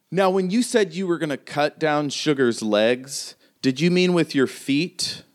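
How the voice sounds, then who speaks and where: A man's voice: fairly high pitch, slow. A man narrating a tabletop game as game master, casual and swearing freely. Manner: casual, swearing, laughing often.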